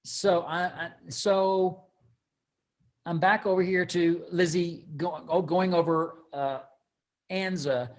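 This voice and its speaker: A man hosts a casual live book read-along he co-authored, rambling through halting explanations and repeating words. His voice is slightly high and steady in tone.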